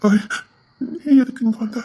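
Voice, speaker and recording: A woman's voice: measured pace, dull audio, natural voice. A woman with a Tirunelveli Tamil accent playing an anxious husband who pleads and repeats himself over and over. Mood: pleading.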